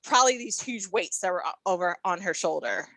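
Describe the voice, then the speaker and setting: A woman co-hosting a podcast, reviewing an episode in casual chat, thoughtful and halting with many ums and restarts. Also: lowish voice, animated, bright, forceful tone, no room sound. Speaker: podcast co-host.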